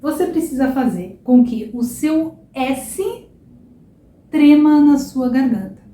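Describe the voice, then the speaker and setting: A Brazilian woman teaching a Portuguese lesson online, repeating example words slowly and checking in with "tá?" and "ok?". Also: high-pitched, expressive, dark tone, reverberant. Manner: slow, drawn-out repetition of example words; checks in with frequent "tá?" and "ok?".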